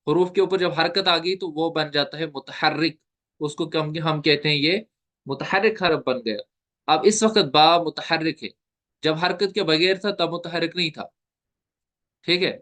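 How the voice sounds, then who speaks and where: A man with a bright, fairly high voice teaches a recorded Tajweed lesson. He is patient, asks his students questions and then answers them himself, and draws out each example sound slowly for them to copy. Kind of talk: recorded online lecture.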